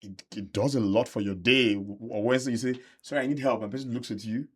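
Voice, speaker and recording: A man's voice: lowish voice, fairly even intonation, quick pace, a bit bright, breathy edge. A man co-hosting a casual podcast chat, earnest and emphatic, often repeating words for stress. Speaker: podcast co-host.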